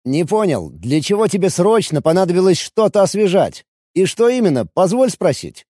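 A man's voice: high voice, very animated, normal speed, warm tone, dry recording, clean studio sound, voice pushed up. A man reading an audiobook, voicing an irritable, suspicious red-haired violinist who presses with sarcastic questions.

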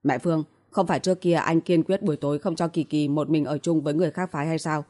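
A woman's voice: low-pitched, fairly even intonation, fast, dark tone, lightly acted. A woman voicing a careless, brash young man who blurts things out, in an audiobook reading. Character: careless young man, loud and easily surprised.

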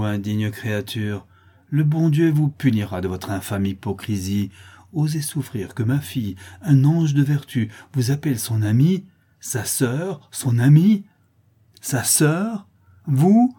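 Guy doing outraged farm lady, husky, scolding, audiobook. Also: medium pitch, very animated, brisk, dark tone. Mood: indignant. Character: indignant proud farm lady, mother.

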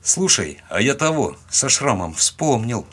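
A man's voice: mid-range voice, sing-song, a little slow, fairly bright tone, breathy edge, heavily acted. A man voicing a ruthless young man who gives curt, clipped commands. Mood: cold.

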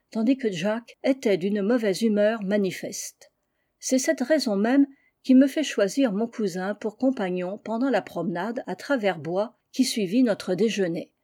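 A woman reading a literary story aloud in a calm, measured way as an audiobook narrator. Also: mid-range voice. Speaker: audiobook reader.

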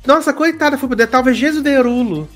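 A man's voice: very high voice, fairly quick, soft background music. A man from Brazil on a podcast, retelling a film plot in casual chat and acting out the lines of its characters. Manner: animated storyteller acting out dialogue voices. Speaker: podcast co-host.

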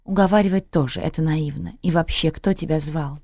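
A woman reading a story, voicing a bitter young adult daughter who speaks in a slow, scornful hiss. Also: deep voice, dark tone, dry recording, studio quality. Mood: venomous hiss. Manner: slow hissing whisper, scornful.

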